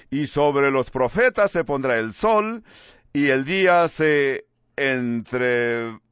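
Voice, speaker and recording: A man's voice: medium pitch, a bit bright, dry recording, muffled recording. A man preaching a sermon, reading verses and mimicking what people say in mocking voices. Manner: slow, emphatic preaching with mocking voiced quotes.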